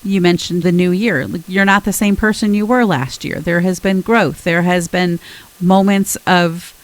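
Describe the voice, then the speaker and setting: A podcast co-host with a lowish voice speaks at a normal pace in a steady tone. On a conversational personal-growth show, she sounds reassuring and emphatic, stretching out key words.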